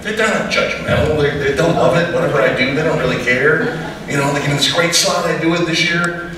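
A man's voice: fairly high pitch, a little fast. A middle-aged American man from Wyoming performs cowboy poetry and folksy stories live, projecting to a room in a self-deprecating way. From Wyoming, USA. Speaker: cowboy poet performing at a church talent show. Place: large church auditorium stage, indoors. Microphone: distant audience camera. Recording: echoey hall from far off, noisy.

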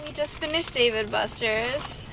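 A woman's voice: fairly high pitch, a little slow, vocal fry, over loud music. A young woman vlogging casually to a handheld camera, chatty and giggly. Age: young adult. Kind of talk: casual vlog chat. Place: parking lots, car and arcade. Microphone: handheld camera at arm's length.

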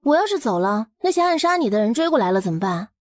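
A woman playing a spirited, practical young heroine in a historical romance drama, brisk and forthright. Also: a little high, big pitch swings, a little mellow, no room sound, clean studio sound. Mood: practical, assured. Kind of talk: historical audio drama dialogue.

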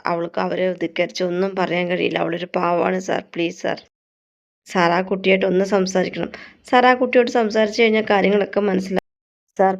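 A woman's voice: mid-range voice, creaky, darkish tone, lo-fi sound, natural voice. Earnest young woman pleading, as a woman reads it.

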